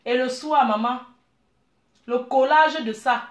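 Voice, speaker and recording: A middle-aged woman from Cameroon, giving blunt, animated advice and calling her listeners dear. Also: high voice, takes it slowly, roomy sound. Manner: blunt, animated, calls listeners "maman" and "ma chérie". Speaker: business owner. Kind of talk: frank advice monologue.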